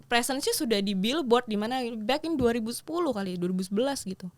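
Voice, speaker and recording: A woman's voice: a little high, lively intonation, quick pace, dry recording. A woman in her thirties from Yogyakarta, a business founder chatting as a podcast guest and slipping English phrases into her talk. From Yogyakarta, Indonesia. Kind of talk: casual interview chat.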